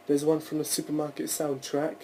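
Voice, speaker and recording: A man's voice: a little high, completely flat delivery, brisk, a little mellow, a little hiss or hum, rough recording. A young man hosting a casual solo podcast, rambling through his thoughts with frequent restarts and the odd swear word. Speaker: podcast host.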